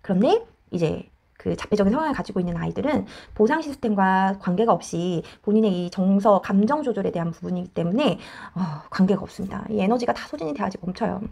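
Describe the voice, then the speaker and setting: Animated fast-talking woman counselor. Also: medium pitch, gravelly. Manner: animated, acts out quoted voices. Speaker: child counselor. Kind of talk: explanatory parenting advice talk.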